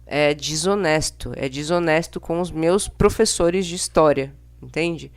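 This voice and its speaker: A young Brazilian-accented woman vlogger speaks to camera in a deep voice at a measured pace. Her monologue is casual, blunt, slangy, exasperated, and full of opinions.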